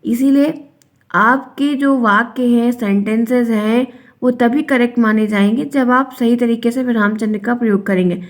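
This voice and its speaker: Young female teacher, higher register, patient and repetitive explainer for an online lesson. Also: normal speed. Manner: explains by repeating, acts out example sentences. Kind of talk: online Hindi grammar lesson.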